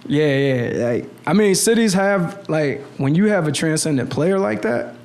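An expressive guest in his thirties, whose voice is on the high side with a darkish tone, talks at a measured pace in casual conversation. He rambles and uses slang, restarting sentences often and leaning on "you know what I'm saying."

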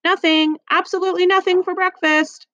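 A woman doing a high, fretful dinner lady. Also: little pitch movement, normal speed, pushed and bright, no room sound. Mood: cheery. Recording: dry, slightly muffled.

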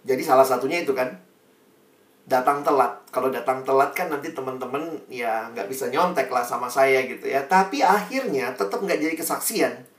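A man giving a sermon testimony, telling his story in a lively way and acting out the lines of his friends. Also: mid-range voice, normal speed. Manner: storytelling, acts out quoted friends. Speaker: pastor. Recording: echoey room, distant mic.

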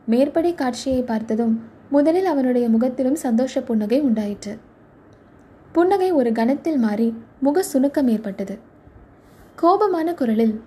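Husky woman reading a story. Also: sits high, warm tone. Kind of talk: scripted narration of a historical novel.

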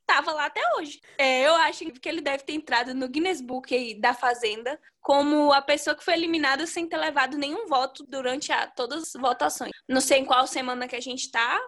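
High-voiced woman, hesitant. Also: brisk, few pauses, a bit bright. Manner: hesitant, searching for words. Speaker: co-host. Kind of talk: casual reality-show chat.

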